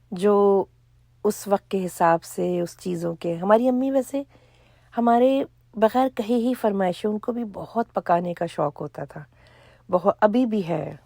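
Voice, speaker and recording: A middle-aged woman, chatting casually in a cooking vlog, hoarse for now and full of chatty asides. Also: medium pitch, mellow, no echo, clean studio sound. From Pakistan. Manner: chatty, storytelling with asides and quoted dialogue. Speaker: vlogger.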